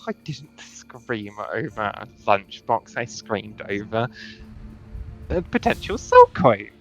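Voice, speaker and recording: A man voicing a skittish, animalistic young male adventurer in a tabletop game, talking in a quiet, sheepish mumble. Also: lowish voice, sing-song, takes it slowly, soft background music, pitched below the performer's own voice, heavily acted.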